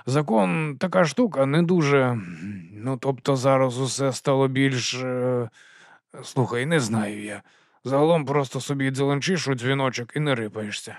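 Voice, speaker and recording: A shabby old watch corporal who mumbles, wheezes and grumbles in a hushed, furtive voice, as a man puts him on for a storybook. It sits close and dry on the mic. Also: mid-range voice, moderate pace, no echo, natural voice. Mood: grumbling. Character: scruffy, wheezing, shifty older night-watch corporal.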